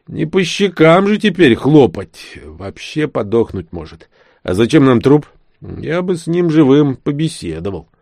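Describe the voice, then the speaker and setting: A man's voice: medium pitch, sing-song, measured pace, gravelly, a little mellow, no room sound, studio quality, pitched above the performer's own voice, exaggerated voice. A man reading an audiobook, voicing a blunt male soldier who argues his point. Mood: blunt, arguing.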